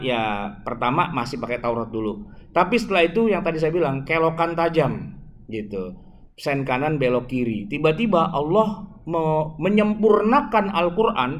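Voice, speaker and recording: A middle-aged man preaching in a casual, storytelling way. He acts out dialogues and keeps turning to his listeners as "Pak". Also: fairly high pitch. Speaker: Islamic preacher.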